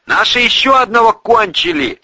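Man playing yelling thug guards, high strained voice, crude, breathy, dull dry sound. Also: expressive, normal speed, dry recording, heavily acted. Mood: hostile. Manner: yelling coarse threats. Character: rough male bandit sentries, hostile.

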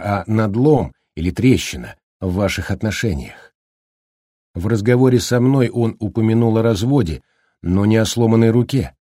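A man voicing a calm, husky doctor. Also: medium pitch, no echo, clean studio sound, natural voice. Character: calm male doctor, measured and reassuring. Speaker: doctor in the story. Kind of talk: audiobook character reading.

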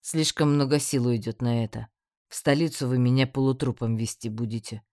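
A prim, self-important male mage, as the reader puts him on, speaking in a measured, lofty way. The voice is dry and close, with no room around it. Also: mid-range voice, steady tone, a little mellow, no echo, lightly acted. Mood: stern.

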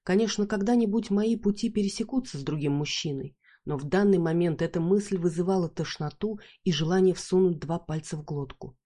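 A woman narrating a first-person story in a wry, measured way. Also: on the low side, dark tone.

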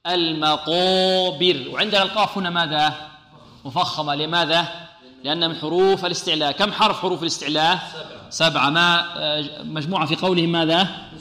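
A man gives a tajweed lesson in a bright, forceful voice pitched a little high. He poses questions and answers them himself, stretching syllables slowly to demonstrate each sound. The recording is roomy, with a long echo tail. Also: steady tone. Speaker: Quran recitation teacher. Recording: echoey room with long reverb.

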